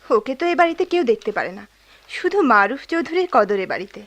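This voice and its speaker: একজন অভিনেত্রী জেদি, অস্থির তরুণী মেয়ের চরিত্রে, নব্বইয়ের দশকের বেতার নাটকের ঢঙে।. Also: female voice, on the high side, a little fast. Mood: earnest. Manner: petulant, animated. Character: restless young daughter, defiant and quick-tempered. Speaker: younger daughter. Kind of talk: 1990s radio drama acting.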